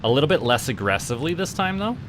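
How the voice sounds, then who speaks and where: A Canadian VTuber is streaming a game, his medium-pitched voice very animated and fast against a noisy background. He rambles and chats casually with viewers, tripping over repeated words.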